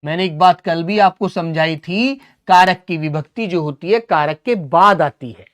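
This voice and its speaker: A man's voice: a little high, moderate pace, a bit bright. A man teaching Hindi grammar in an online exam-prep class, who asks his students questions, answers them himself, and calls them son and brother.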